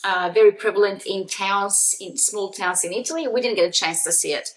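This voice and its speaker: A woman's voice: mid-range voice, brisk, poor audio. A woman in her fifties hosting a family travel vlog, chatting casually and laughing easily. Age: 50s. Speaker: vlog host. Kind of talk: casual chat.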